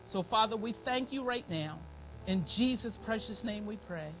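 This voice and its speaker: Here a church elder, a middle-aged American woman, preaches informally at a pulpit in a church meeting room, offering testimony and prayer while repeating words of gratitude in a devout, folksy way. Her medium-pitched voice is a bit bright, with lively intonation and a moderate pace, though her throat is slightly scratchy and dry. The sound comes from a noisy live church stream.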